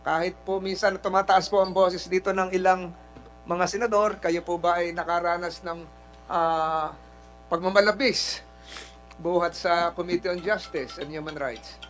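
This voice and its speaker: A man's voice: high voice, fairly even intonation, normal speed, fairly bright tone, faint music behind, rough recording. A Filipino man chairing a hearing committee, speaking formally and politely, with frequent hesitations.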